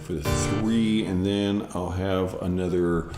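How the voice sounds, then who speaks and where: Slow, low-voiced man thinking aloud. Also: fairly even intonation. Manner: thinking aloud, halting and self-correcting. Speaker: musician streaming while composing. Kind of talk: casual livestream talk while working. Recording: roomy sound with guitar behind.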